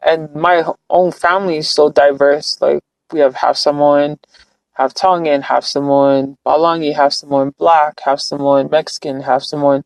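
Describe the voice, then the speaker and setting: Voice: medium pitch, level tone, moderate pace, gravelly, dry recording, rough recording. A live-streamer from California talking in a casual, earnest, reflective way, rambling with frequent restarts. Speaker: livestreamer.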